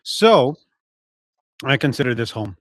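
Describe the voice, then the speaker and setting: Forties guy from Poland, Polish first language, podcast guest, unhurried and reflective, dead-dry mic. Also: mid-range voice, sing-song, dry recording. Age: 40s. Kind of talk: casual interview.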